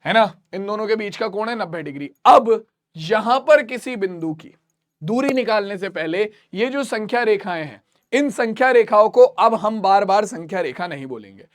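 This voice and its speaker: A man's voice: high-pitched, lively intonation, moderate pace. A man teaching a math lesson, repeating each point and quizzing his students.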